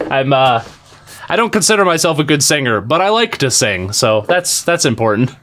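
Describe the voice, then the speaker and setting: A man's voice: mid-range voice, sing-song, moderate pace, a bit bright. A man streaming a retro game, rambling casually to his chat with fillers and the odd swear word. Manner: talks to chat while playing. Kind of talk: casual live-stream gameplay commentary.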